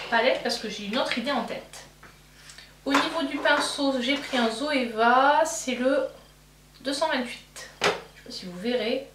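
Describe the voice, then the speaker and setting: A woman's voice: fairly high pitch, distant mic. Chatty woman doing her makeup, roomy sound. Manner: rambling, thinking aloud with many fillers and self-corrections. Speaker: beauty vlogger. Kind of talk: casual get-ready-with-me chat while doing makeup. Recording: echoey room, voice from off-mic, faint hum.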